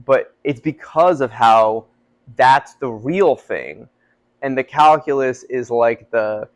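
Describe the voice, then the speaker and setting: A young man co-hosts a faith podcast, chatting casually and rambling with plenty of fillers. His voice is medium in pitch with lively intonation, and he speaks at a slow pace.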